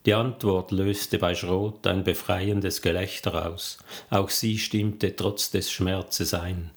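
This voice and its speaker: A man narrating a crime novel in a steady, measured storytelling manner. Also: low-pitched. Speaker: audiobook narrator.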